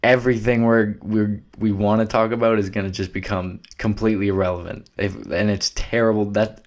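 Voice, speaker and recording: A man's voice: lowish voice, level tone, fairly quick. A young man, hosting a solo podcast in a loose, rambling, profane way. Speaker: podcast host.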